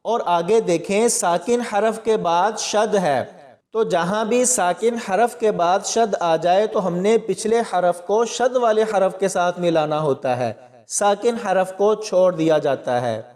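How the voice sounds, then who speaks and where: Male Quran teacher, higher voice, slow drawn-out spelling of syllables, echoing reverb. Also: darkish tone. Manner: slow, drawn-out syllable-by-syllable recitation between explanations. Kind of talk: tajweed lesson, spelling out letters.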